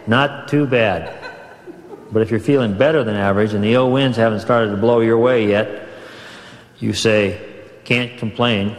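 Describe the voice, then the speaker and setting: Male narrator, mid pitch, dry deadpan comic instruction, heard over speakers in a reverberant room. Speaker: narrator of humorous audio recording. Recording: recording played through speakers in echoey church.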